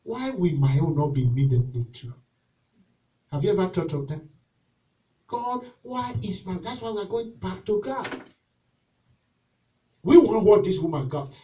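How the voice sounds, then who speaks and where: A male pastor preaching a sermon with call and response, moving between shouted exhortation and quiet pleading during a church service. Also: high-pitched, expressive, a little slow, long pauses, far from the mic, lo-fi sound.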